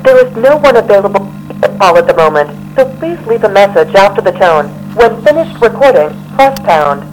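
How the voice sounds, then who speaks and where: Phone-line voicemail greeting, formal scripted menu read, mid pitch, music in the background. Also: a little fast. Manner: even, formal announcement delivery. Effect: heard over a phone line.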